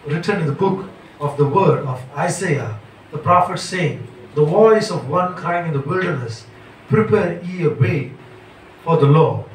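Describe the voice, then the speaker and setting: A man reading scripture aloud in a church, slowly and carefully, stumbling over hard names. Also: on the high side. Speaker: scripture reader. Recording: echoey church hall, far from mic, faint noise.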